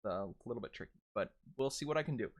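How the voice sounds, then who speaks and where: A man talking through a relaxed dialect lesson in an even, mid-range voice. He explains each rule plainly and then stretches the vowels out slowly to demonstrate them. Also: mid-range voice. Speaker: dialect coach. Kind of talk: casual how-to lesson.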